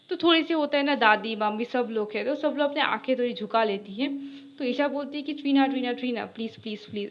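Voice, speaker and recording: A woman casually retelling a romance story, acting out each character's lines loosely in her own voice, with many fillers and restarts. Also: fairly high pitch.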